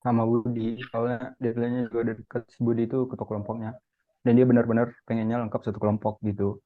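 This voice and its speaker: A young man voices an easygoing student who chats in casual slang. He speaks quickly and evenly, and the recording sounds thin and phone-like. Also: mid-range voice, level tone, natural voice.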